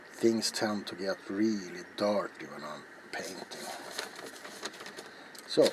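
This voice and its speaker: This is a casual, hushed ASMR craft demo from the host of a craft video channel, recorded with noisy ambience in a small cluttered indoor workshop. The man narrates slowly in a low voice, rambling, halting and repeating his words.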